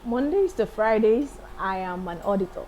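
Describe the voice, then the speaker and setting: A woman in her late thirties, a singer and accountant, chatting as an interview guest in a lively, enthusiastic way. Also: medium pitch, normal speed, a little hiss or hum, poor audio. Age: 30s. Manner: lively, laughs often, enthusiastic. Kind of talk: casual interview chat.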